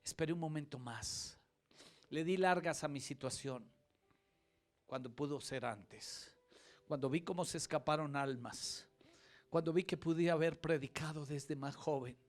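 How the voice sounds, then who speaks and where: A middle-aged preacher with a fairly high voice delivers a sermon built on his own story. He moves from quiet, low passages to loud, emotional peaks as he preaches from a church stage. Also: measured pace. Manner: dramatic storytelling, swinging between hushed and loud. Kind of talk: sermon with personal testimony.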